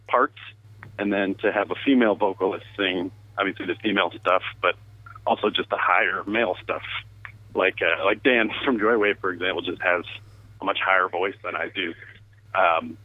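A relaxed man speaks over a phone line that sounds thin and tinny. His voice sits low, and the line is dry with no room sound. He chats casually and laughs often. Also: no echo. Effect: heard over the phone. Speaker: music producer guest. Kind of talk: casual interview chat.

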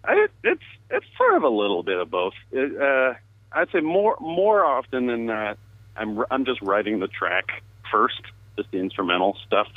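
A man, a music producer, talking in a relaxed, casual interview over the phone and laughing easily. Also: mid-range voice, normal speed, no room sound. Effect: heard over the phone. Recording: tinny, dry phone line.

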